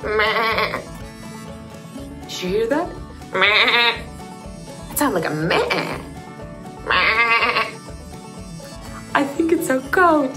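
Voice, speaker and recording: A woman's voice: sits high, over music. A young woman hosting a toddler learning video, speaking in simple, exaggerated, wonder-filled phrases as if reading to a toddler. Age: young adult. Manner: animated, slow, simple child-directed talk with exaggerated wonder and animal sounds. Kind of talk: playful toddler speech lesson, as if reading to a toddler.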